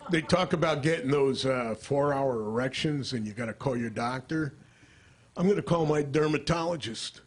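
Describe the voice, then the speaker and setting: An older man performing stand-up comedy into a stage microphone, deadpan and dry, jumping into character voices. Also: medium pitch, normal speed.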